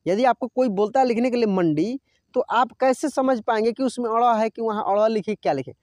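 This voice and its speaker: A man's voice: very high-pitched, brisk, darkish tone, no echo, clean studio sound. A man teaching a Hindi reading lesson over a screen recording, patiently repeating each word aloud.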